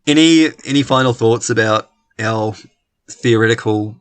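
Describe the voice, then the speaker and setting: A man's voice: on the low side, measured pace. A man with a mild New Zealand accent chatting casually and jokingly as a podcast host, often hesitating as he searches for words. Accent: New Zealand, not strong.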